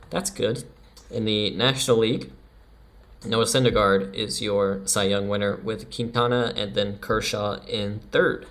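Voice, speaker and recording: A young man casually commenting over his baseball management game, chatty and laughing at himself now and then. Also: lowish voice. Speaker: let's play commentator.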